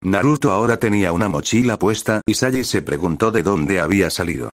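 A man reading a fan story aloud in steady, even narration. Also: deep voice, a little fast, dry recording, studio quality. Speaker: fan fiction reader.

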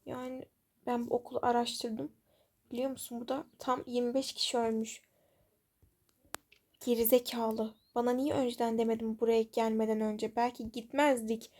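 A woman voicing a timid new schoolgirl, an older sister, in a toy-game role-play story, speaking hushed and worried. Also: on the high side, level tone, moderate pace.

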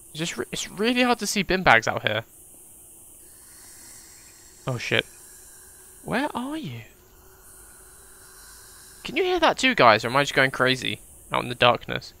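A man playing a survival game and commenting for his viewers, dropping to a whisper while sneaking and swearing in loud startled bursts. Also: mid-range voice, animated, normal speed, gravelly, pauses often. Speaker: gaming video host. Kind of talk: let's play commentary. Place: indoors at a desk with facecam.

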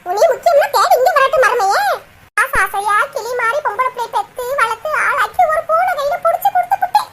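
A woman's voice: very high voice, expressive, a little fast, fairly bright tone. A woman voicing a doting, fretful mother in a cartoon, lamenting and soothing in Kanyakumari Tamil. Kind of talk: cartoon voice acting.

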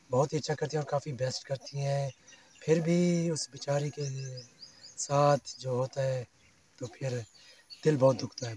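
A man's voice: mid-range voice, darkish tone, slight background noise. A man talking casually to his viewers in a vlog, earnest and devout, repeating his phrases. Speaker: family vlogger. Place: outdoors among fields, then walking.

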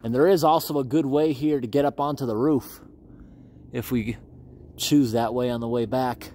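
A man's voice: medium pitch, fairly even intonation, moderate pace, mellow, a little hiss or hum. A man exploring abandoned railroad tunnels on foot, chatting casually to viewers as he walks. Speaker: urban explorer vlogger. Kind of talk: walking commentary.

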